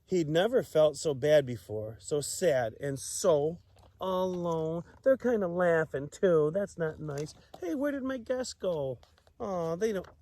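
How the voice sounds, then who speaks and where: A man with a voice on the high side reads a children's story aloud slowly, playful and expressive, adding chatty asides and exclamations.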